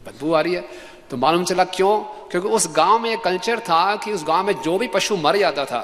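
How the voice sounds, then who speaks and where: A man gives a lively sermon to a gathered audience, slipping into quoted voices as he tells his stories. His voice sits a little high for a man. The recording carries the long reverb of a large hall. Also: normal speed. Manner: animated storytelling, acts out quoted voices, laughs with the audience. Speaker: preacher giving a scripture class.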